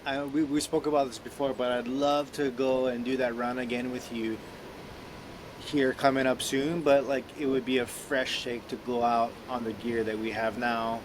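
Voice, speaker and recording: A man's voice: medium pitch, level tone, normal speed, background noise. A man hosting a casual conversation, enthusiastic, reacting with short interjections. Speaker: podcast host.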